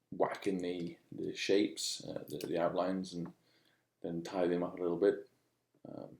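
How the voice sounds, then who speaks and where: Deep-voiced man, halting and roomy. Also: darkish tone. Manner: halting, unscripted, musing. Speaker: digital artist demonstrating own work. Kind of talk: casual demo voice-over.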